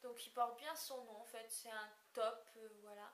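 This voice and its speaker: In this haul video, a young woman speaks at a moderate pace in a fairly high, somewhat bright voice with fairly even intonation. She's a beauty vlogger who sounds hesitant, leans heavily on fillers and keeps apologizing about describing colors, recorded in an echoey room with faint hiss.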